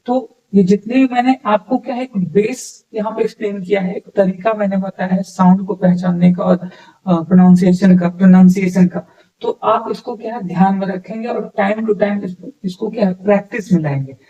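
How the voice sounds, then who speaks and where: A man with a fairly high voice leads an English lesson. He says each example word slowly, repeats it, and keeps checking that listeners follow. The mic sits some way off, so he sounds a little distant. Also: steady tone, warm tone, highs cut off. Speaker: English teacher. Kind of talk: classroom-style lesson.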